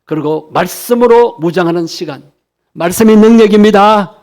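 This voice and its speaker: A man with a high voice delivers a sermon at a church service. He preaches in an earnest, exhortative way, speaking directly to the congregation and urging them on. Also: normal speed, darkish tone. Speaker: pastor.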